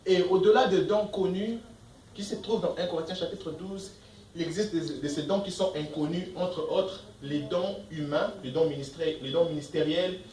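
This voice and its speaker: A man's voice: on the high side, normal speed, darkish tone, roomy sound, far from the mic, poor audio. A man preaching a sermon as pastor, emphatic, asking the congregation questions and reading verses aloud. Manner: reads scripture verses aloud between comments. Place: church.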